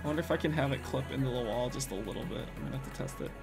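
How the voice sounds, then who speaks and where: A man's voice: mid-range voice, racing, vocal fry. A man streaming casually, rambling and thinking aloud as he works, laughing often. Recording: music playing behind.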